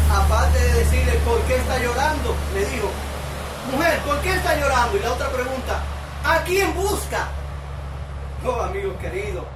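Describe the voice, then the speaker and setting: A man's voice: very high voice, slight background noise. A man preaching a sermon, asking the listeners one question after another. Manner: asks the listeners many questions. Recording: echoey room, mic at a distance.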